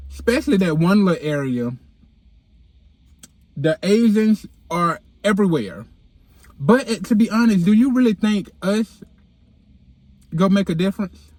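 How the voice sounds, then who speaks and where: A high-pitched man whose dental aligners give him a lisp and a whistling s chats casually with his followers from inside a car. He's a vlogger and podcast host with a slangy, candid, sassy manner. The sound is a little mellow with no echo, recorded on a handheld phone.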